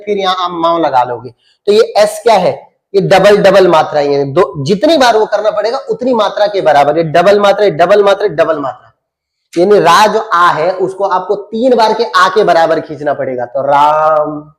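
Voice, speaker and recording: High-voiced male Hindi teacher from Uttarakhand. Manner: quizzes listeners, answers his own questions; draws out vowels to demonstrate them. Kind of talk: classroom-style lesson with questions and answers.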